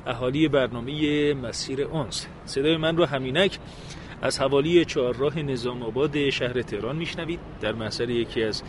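A man reporting for the radio from a city crossroads, speaking with very courteous, ornate formal phrasing. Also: medium pitch. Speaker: field reporter. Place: outdoors at a busy city crossroads. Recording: street crowd noise behind.

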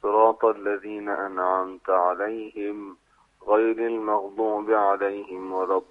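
Low-voiced male caller on phone. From Iran. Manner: formal, courteous, steady reciting. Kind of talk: recitation and polite phone chat. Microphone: telephone. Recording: phone line call into radio.

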